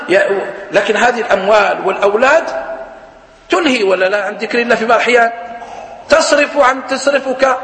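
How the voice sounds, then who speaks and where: A male preacher giving a religious lecture in a halting, explanatory way, often restarting and correcting himself. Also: high voice, a bit bright. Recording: echoey hall reverb.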